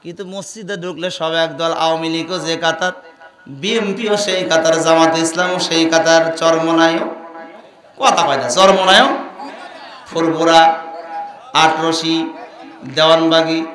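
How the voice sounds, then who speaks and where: A man preaching a sermon, swinging from quiet questions to loud chanted outbursts and urging the crowd to answer louder. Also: fairly high pitch, steady tone, a little slow, long pauses. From Bangladesh. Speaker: preacher at a religious gathering. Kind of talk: impassioned Islamic sermon with sung passages. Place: large religious gathering. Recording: echoey venue with faint music.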